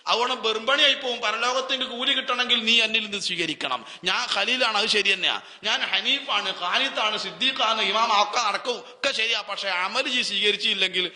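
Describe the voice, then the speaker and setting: A man with a Malabar Malayalam accent delivers a Ramadan sermon, his voice bright, ringing and somewhat high-pitched. He asks the crowd questions and answers them himself, swinging from loud exclamations to hushed asides. A long hall reverb trails every phrase. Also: a little fast, few pauses. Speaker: preacher. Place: lecture hall.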